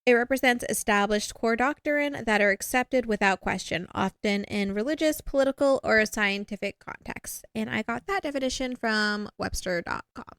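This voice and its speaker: A woman's voice: a little high, normal speed, hardly any pauses, a bit bright, clear, resonant tone, no echo, studio quality. A woman co-hosting a podcast in casual chat, rambling with lots of fillers and poking fun at herself. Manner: rambling, filler-heavy, self-deprecating. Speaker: podcast co-host.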